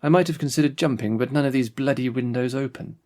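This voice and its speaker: A man's voice: medium pitch, fast talker, darkish tone, pitched above the performer's own voice, lightly acted. A man voicing a cold aristocratic lord who speaks in a clipped, precise, sardonic way, in an audiobook story.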